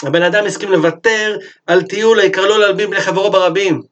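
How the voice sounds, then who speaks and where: A man teaching a Torah lesson, telling a story in a lively sermon style and acting out its characters. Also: high voice, dull audio.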